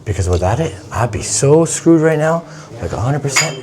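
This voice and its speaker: Exploring the tunnels beneath an abandoned building, this vlog host talks to viewers at normal speed in a casual, profane, slangy way. His fairly high voice makes big pitch swings, and the handheld recording is noisy.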